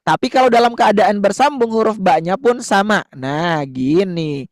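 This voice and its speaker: A man's voice: sits high, expressive, moderate pace, no room sound, clean studio sound. A man teaching young children to read Arabic letters, patiently repeating words and coaxing answers in call-and-response.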